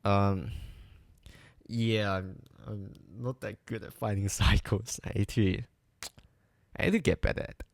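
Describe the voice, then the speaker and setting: Speaking slowly in a low, gravelly voice with a steady tone, this man streams himself live coding and talks through the problem as he goes. His speech is halting, packed with ums and false starts, and he teases himself over his slip-ups. There's no echo or room sound at all.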